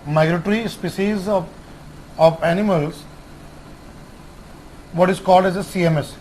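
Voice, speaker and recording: A man teaching an online exam-prep lecture, repeating key terms and spelling out acronyms slowly. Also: high-pitched, steady tone, a little mellow, a little hiss or hum, low-quality recording. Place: classroom with whiteboard.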